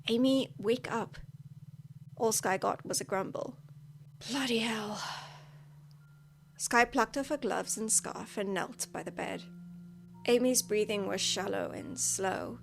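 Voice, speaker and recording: A woman reading her own novel aloud in a steady, unpolished storytelling voice. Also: medium pitch, vocal fry. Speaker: amateur audiobook reader. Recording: music playing behind the voice. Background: background music.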